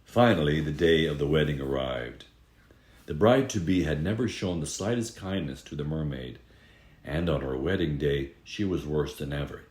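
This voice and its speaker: At a normal pace, a storyteller with an extremely deep voice reads a fairy tale in a dramatic, expressive manner, lingering on words for effect. His voice echoes clearly in the room.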